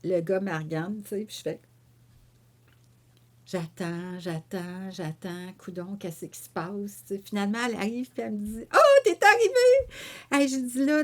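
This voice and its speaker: A woman with a Québécois French accent, a painter and author telling a story in an interview. She acts out her own quoted remarks and fills pauses with "euh" and "tu sais.". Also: fairly high pitch. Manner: animated storyteller who voices her own quoted remarks, with frequent fillers. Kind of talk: conversational storytelling.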